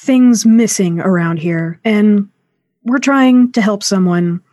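A woman player in a casual tabletop game who asks quick, businesslike questions. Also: mid-range voice, a little mellow, dry recording, studio quality.

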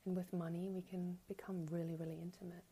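A woman guiding a meditation in a soft, breathy, near-whispered spa-like voice. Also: lowish voice, flat delivery, quick pace. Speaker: meditation guide. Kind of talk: guided meditation. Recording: meditation music under the voice. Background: music.

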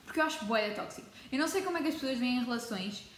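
A European Portuguese-accented teen girl from Portugal fires off a dramatic, chatty vlog to camera, peppered with English words. Her voice sits high, rapid-fire and expressive, with a little hiss or hum in an echoey room with faint ambience.

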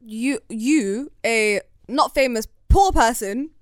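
A woman speaks her mind on a casual podcast, emphatic and opinionated. Her voice is high. The recording is dry and close. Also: slow, dry recording. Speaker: podcast co-host. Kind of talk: casual group chat.

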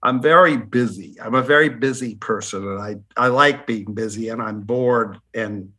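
A man's voice: medium pitch, moderate pace, bright, forceful tone. A man talking as a skincare specialist guest in a casual panel chat, rambling and restarting his sentences. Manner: rambling, self-correcting, chatty.

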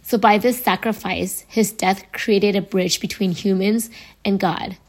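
Woman, hoarse from laryngitis, raspy voice, earnest faith podcast host, casual chat. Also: mid-range voice, fairly even intonation, measured pace. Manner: earnest, conversational teaching.

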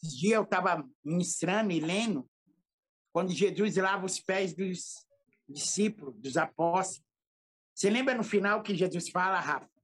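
A middle-aged pastor with a São Paulo accent tells a story in an animated, slangy, emotional way during a casual podcast interview. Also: male voice, high voice, moderate pace. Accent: São Paulo Portuguese.

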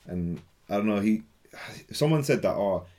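A man's voice: on the low side, expressive, normal speed, a little mellow. A young man with an urban London roadman accent, talking slangily about football in a casual debate and often repeating himself. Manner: slangy, repeats phrases, often ends on "innit".

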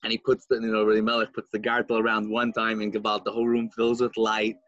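A man telling a story in casual chat, animated and full of fillers, putting on voices for the people in it. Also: on the low side, fast talker, dry recording, highs cut off.

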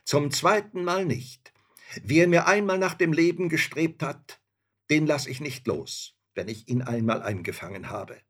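Guy doing a cool-headed young student, a bit higher, storybook reading. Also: measured pace. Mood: firm. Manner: calm, matter-of-fact replies. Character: young male student, fearless and shrewd.

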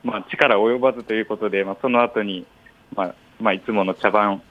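A man's voice: fairly low pitch, fairly even intonation, a little fast. A man calling in to a radio show as a racing cyclist guest, heard over a phone line, answering in a laid-back, matter-of-fact way with many hedging fillers. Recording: dull, muffled phone line.

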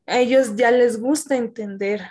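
A woman's voice: fairly high pitch, steady tone, normal speed, darkish tone. A woman, an English teacher, explaining at length in a casual interview with many fillers.

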